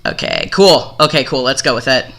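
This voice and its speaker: A man's voice: medium pitch, wildly swooping pitch, normal speed, gravelly, pushed and bright. A man streaming casual commentary as he reacts to a video, talking bluntly and swearing freely, with some hesitant fillers.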